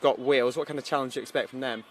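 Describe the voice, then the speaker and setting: A man interviewing a coach pitchside at a sports broadcast, asking friendly questions. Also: steady tone, racing, slight background noise.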